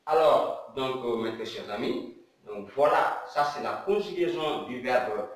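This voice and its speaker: A man from Senegal, an English teacher, explaining grammar slowly and repeating himself, checking in with rhetorical questions. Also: medium pitch, expressive. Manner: slow, repetitive, rhetorical questions. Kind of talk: classroom grammar lesson. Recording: echoey room, mic at a distance.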